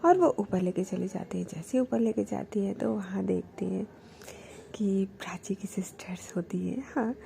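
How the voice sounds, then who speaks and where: A woman's voice: medium pitch, moderate pace, gravelly, mellow, a little hiss or hum. A young woman telling a love story casually, with many English fillers. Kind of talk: casual spoken storytelling, Hindi mixed with English.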